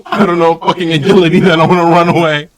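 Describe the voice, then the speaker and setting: A man's voice: on the high side, flat delivery, fast talker, a crowd in the background. A man chatting casually at the game table as a player in a tabletop role-playing game.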